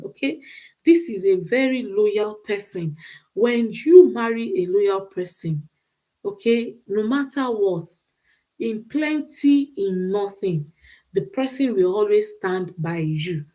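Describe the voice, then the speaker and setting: Her voice mid-range and darkish in tone, a woman with a Nigerian accent hosts a livestream about relationship advice. It's an off-the-cuff monologue, delivered emphatically with repeated phrases for stress.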